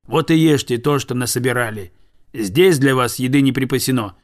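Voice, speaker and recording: A man voicing a stern, gruff farmer in a storybook reading. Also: medium pitch, moderate pace, a little mellow, natural voice. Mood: grumbling. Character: stern, grumbling older farmer.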